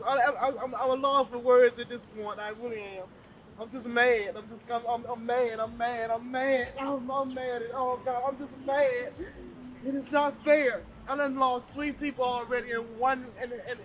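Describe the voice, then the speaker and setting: Distraught woman speaking haltingly. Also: fairly high pitch, slight background noise. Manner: halting, repeats herself, voice breaking with anger. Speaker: bereaved mother at a press conference. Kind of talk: emotional spoken statement.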